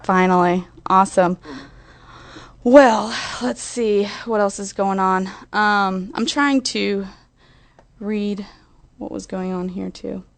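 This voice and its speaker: A woman's voice: mid-range voice, takes it slowly, vocal fry, dry recording. A young woman hosting an internet radio show, chatting casually and a little scatterbrained. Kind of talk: casual chat.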